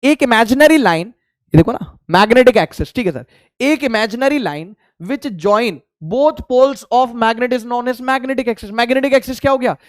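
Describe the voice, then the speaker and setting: A man's voice: very high-pitched, lively intonation, measured pace, dry recording, studio quality. A male physics teacher giving a casual classroom lecture in Hindi mixed with English, asking questions and then answering them himself. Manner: voices a student's replies to himself.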